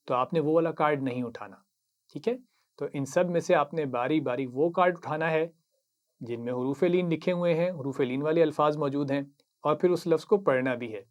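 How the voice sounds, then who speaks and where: A man with an Urdu accent teaching Quran reading, patiently explaining each word, reciting it slowly and praising the learner. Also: on the high side, darkish tone. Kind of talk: slow instructional lesson.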